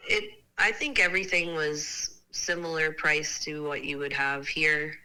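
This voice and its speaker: A woman's voice: sits low, fairly even intonation, unhurried, pushed and bright, clear, resonant tone, poor audio. A woman calling in over a speakerphone, chatting casually and easily, trailing off with fillers. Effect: heard over a speakerphone call. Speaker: phone-in caller. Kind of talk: casual chat.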